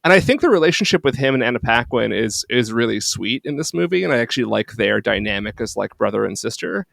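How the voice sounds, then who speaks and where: A man co-hosting a podcast, chatting about a film with loose, filler-heavy enthusiasm. His voice sits at an ordinary middle pitch, and the recording is dry and close. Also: animated, fast, creaky, a bit bright, no echo. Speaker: podcast co-host. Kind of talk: casual film chat.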